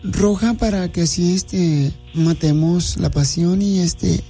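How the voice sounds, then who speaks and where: A brash, flirty woman purrs down the line, all crude teasing and pet names, played by a man putting on the voice. Her tone dips low and sultry as she keeps things playful. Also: slow, warm tone, soft background music.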